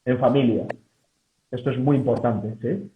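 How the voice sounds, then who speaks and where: A man's voice: medium pitch, steady tone, moderate pace, slight background noise. A male psychologist, explaining his ideas in an interview and often checking in with his listeners. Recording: echoey, phone-like audio.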